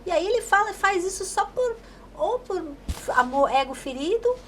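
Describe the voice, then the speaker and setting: High-pitched woman hosting a podcast, emphatic, leans into her questions, light background hiss. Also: sing-song, normal speed, fairly bright tone. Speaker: podcast host. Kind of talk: podcast interview.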